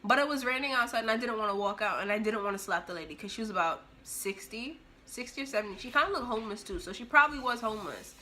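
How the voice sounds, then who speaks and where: Bright-voiced young woman telling a story. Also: on the high side, fast talker, hardly any pauses, a little hiss or hum. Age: young adult. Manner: animated, expressive, acts out the scene. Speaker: vlogger. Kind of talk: storytime vlog.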